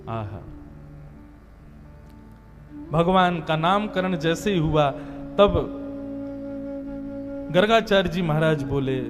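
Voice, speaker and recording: A man delivering a sermon, telling a devotional story and chanting verses. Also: fairly high pitch. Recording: long hall reverb with soft music behind.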